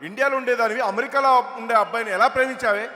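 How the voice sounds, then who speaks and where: A man's voice: very high voice, fast, pushed and bright. A man voicing an exasperated, doting father scolding his daughter. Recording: echoey hall over stage PA.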